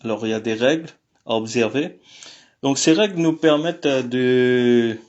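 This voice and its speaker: A man teaching a language lesson online, talking in a halting way with many fillers and restarts. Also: medium pitch, a little mellow, dull audio. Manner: apologetic about technical glitches.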